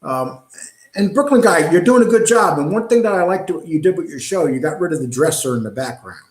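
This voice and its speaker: A middle-aged man talks loosely through a live stream, drifting between topics and filling pauses with ums. His voice sits a little high for a man. The room around him is echoey and hollow. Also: expressive. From New York. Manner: talkative, digressive, frequent ums and uhs. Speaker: host reading live chat. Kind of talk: casual live-stream chat.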